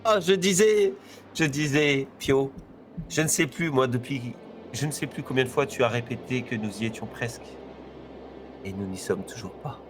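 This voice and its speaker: A man's voice: mid-range voice, normal speed, a little hiss or hum, lightly acted. A man playing a grumbling, hungry coachman in a tabletop role-playing game, repeating himself as he complains. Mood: exasperated. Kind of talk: tabletop role-play acting.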